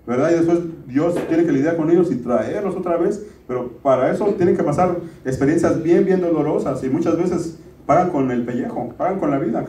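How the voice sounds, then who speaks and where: A man's voice: fairly high pitch, dark tone, slight background noise. A middle-aged man preaching a sermon as pastor, talking to the congregation in a conversational way and often calling them brothers. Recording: roomy, distant church recording.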